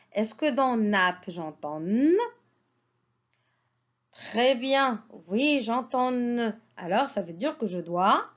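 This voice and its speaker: Slow teacher woman, dull lo-fi sound. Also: fairly high pitch. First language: Arabic. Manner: slow, syllable-by-syllable modelling with repeated words. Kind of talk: early reading lesson for children.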